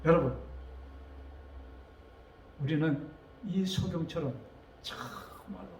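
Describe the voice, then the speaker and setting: A man preaching a sermon as pastor. He asks the congregation questions and rises to loud, dramatic quotes. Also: fairly high pitch, slow, reverberant, slight background noise.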